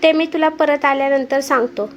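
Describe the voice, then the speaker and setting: A firm young farmer husband who scolds with quiet resolve , voiced by a woman narrator. The voice stays high. A soft music bed runs faintly beneath. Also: steady tone, normal speed, lightly acted. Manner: stern, reproachful.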